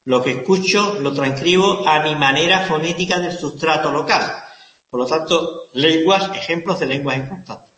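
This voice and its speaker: A man's voice: fairly high pitch, moderate pace, sharp tone. Man lecturing in an echoey hall. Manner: emphatic, repeats key words, asks the class questions. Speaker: university lecturer. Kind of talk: classroom lecture.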